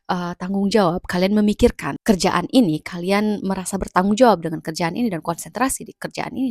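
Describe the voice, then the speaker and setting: Creaky-voiced woman giving advice. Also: mid-range voice, no echo, studio quality. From Indonesia. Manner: repetitive, emphatic, conversational. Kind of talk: casual advice vlog.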